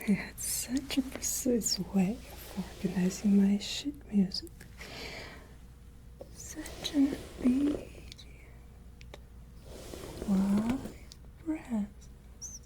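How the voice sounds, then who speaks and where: A woman playing a haughty, menacing, ageless vampire lady of a castle in a whispered ASMR roleplay, with deliberate, imperious delivery. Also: a little high, dark tone, rough recording. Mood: cold, wistful menace.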